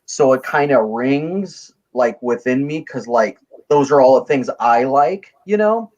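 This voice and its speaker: Measured man on a dull lo-fi mic. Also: mid-range voice, animated, darkish tone. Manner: measured, thoughtful, lots of "you know". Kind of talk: casual panel chat.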